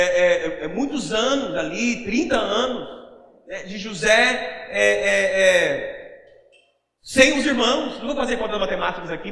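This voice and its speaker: A man's voice: high voice, pushed and bright. A man preaching a sermon in a Brazilian Portuguese accent, speaking emphatically and often questioning the congregation. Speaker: pastor. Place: church conference hall. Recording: echoey church hall with long reverb.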